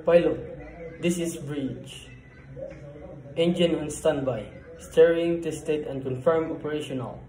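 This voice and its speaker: Guy on marine radio calling the port, a bit high, mellow voice, clipped and formal, echoey room. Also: slow pace, pauses often. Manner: formal, clipped, spells out numbers, ends with "over". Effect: marine radio call. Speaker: ship's officer calling port control. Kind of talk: scripted marine radio procedure.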